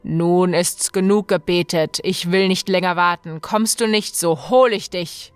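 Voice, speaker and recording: A woman's voice: deep voice, slow, no echo, faint music behind, voice pushed down. A woman doing Bluebeard, cold and menacing. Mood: impatient threat. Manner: cold, commanding, wrathful. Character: cruel menacing man, murderous husband.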